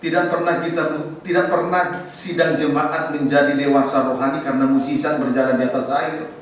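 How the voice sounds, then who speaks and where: A man's voice: a little high, fairly even intonation, fairly quick. A man preaching a sermon as pastor, emphatic, repeating scripture lines and calling back to the congregation. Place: church hall. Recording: very echoey church hall, mic far off, faint noise.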